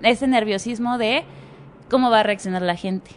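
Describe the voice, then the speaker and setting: A woman's voice: fairly high pitch, moderate pace, a little hiss or hum. A young woman with a Mexican Spanish accent, an actress chatting in an interview and acting out the dialogue in her stories. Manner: animated, acts out quoted dialogue. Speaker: guest actress. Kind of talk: casual interview storytelling.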